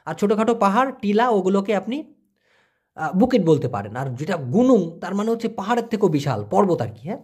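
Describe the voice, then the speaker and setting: Lively man teaching vocabulary. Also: high-pitched, a little fast, slightly rough. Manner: explains each word with everyday examples, repeats terms; colloquial, chatty. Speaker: language teacher. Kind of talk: casual vocabulary lesson.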